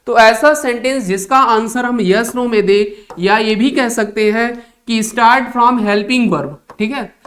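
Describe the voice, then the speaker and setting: Indian woman teaching English grammar. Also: a little high. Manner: repeats points as quick questions to students; mixes Hindi explanation with English terms. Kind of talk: online coaching class lecture.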